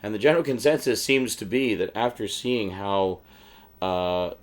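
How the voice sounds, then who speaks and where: In a relaxed, wandering way, a low-voiced middle-aged man presents what sounds like his collection, frequently pausing mid-thought as he reasons aloud.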